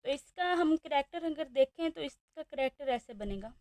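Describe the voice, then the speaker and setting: A woman with a Pakistani Urdu accent teaching a beginner language lesson, saying each new word slowly and repeating it several times. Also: high voice, animated, a little mellow, dry recording.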